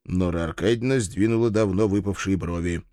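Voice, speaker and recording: A man's voice: sits low, a little fast, warm tone, dry recording. A man narrating a first-person audiobook in a wry, dry storytelling manner.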